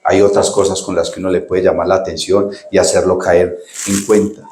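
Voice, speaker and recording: Pastor preaching in an echoey church. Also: male voice, sits low, level tone, fairly quick, darkish tone, a little hiss or hum. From Colombia. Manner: conversational preaching, addresses congregation as "hermano". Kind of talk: sermon.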